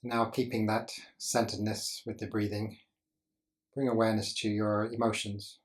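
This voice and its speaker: Guiding listeners through meditation, a man speaks in a deep, steady voice with little variation in pitch. His instructions are gentle and teacherly, delivered in brief phrases with intentional pauses between them.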